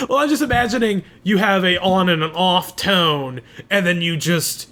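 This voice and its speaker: A man with a bright, forceful voice co-hosts a relaxed gaming chat. He speaks a little high and tumbles through ideas with plenty of "like" and "uh". He breaks into laughter often. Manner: animated, laughs often, thinks aloud with fillers. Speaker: podcast co-host.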